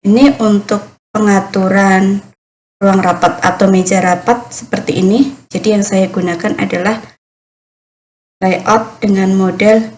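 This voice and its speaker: A woman's voice: medium pitch, flat delivery, a little slow, darkish tone, poor audio. A woman presenting an explanatory tutorial in a methodical, step-by-step manner. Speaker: presenter demonstrating meeting management.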